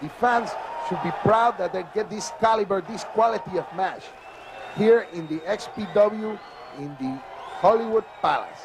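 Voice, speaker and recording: With a voice that sits high and a moderate pace, a man delivers emphatic play-by-play wrestling commentary, repeating "ladies and gentlemen." The clip comes from a worn VHS tape copy, its hiss layered over a loud, cheering arena crowd.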